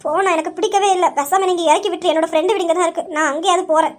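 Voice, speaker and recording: A woman's voice: extremely high pitch, fairly even intonation, racing. A woman performing a comedy skit in a chatty, complaining way. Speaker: sketch actor voicing several characters.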